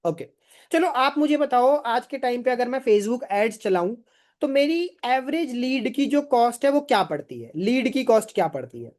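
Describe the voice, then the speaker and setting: A man's voice: very high-pitched, lively intonation, moderate pace, darkish tone. A man running a live online sales training, emphatic and firing rhetorical questions, urging viewers to answer in the chat.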